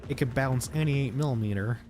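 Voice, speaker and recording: A man's voice: medium pitch, background noise, lightly acted. A man putting on a nasal know-it-all nerd. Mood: smug lecturing. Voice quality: nasal, congested. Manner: slow know-it-all lecturing. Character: pedantic nasal male tank nerd.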